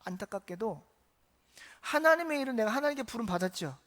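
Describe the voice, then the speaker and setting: Male pastor preaching in church; lively, call-and-response questions, loud-to-hushed swings. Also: very high voice, a little fast. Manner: lively, asks the congregation questions; swings between loud emphasis and soft, hushed remarks. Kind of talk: sermon. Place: church sanctuary.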